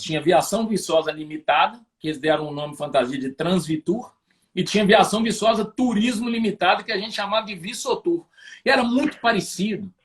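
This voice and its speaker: A Brazilian business owner with a notably high voice is a guest on a live-streamed interview. He tells his story with animated energy, keeping it moving in a lively, anecdotal flow.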